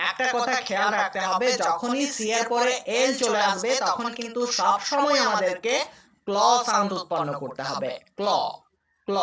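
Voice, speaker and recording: A woman walks learners through English sound blends, patient and repetitive. Her voice is bright and clear. She sits a little off the mic, and the room gives it a noticeable echo. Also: medium pitch. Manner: slow, patient, repeats each sound. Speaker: English teacher. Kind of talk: online phonics lesson. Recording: echoey room, a bit far from the mic.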